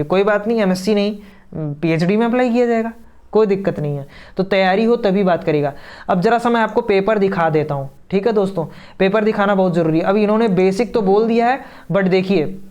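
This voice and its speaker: A man's voice: high-pitched, darkish tone, clear, resonant tone. A young man teaching an online exam-prep lesson, chatty and advising, often asking his listeners 'right?' and mixing English phrases into his talk. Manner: chatty, advising, keeps saying 'friends' and 'right?'; mixes English words and phrases into Hindi.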